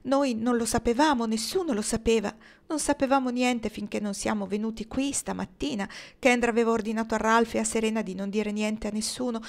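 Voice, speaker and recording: A woman's voice: fairly high pitch, fairly even intonation, a little fast, creaky. A woman reading the lines of an anxious, tearful, plump older woman who speaks in a trembling, urgent, confiding way.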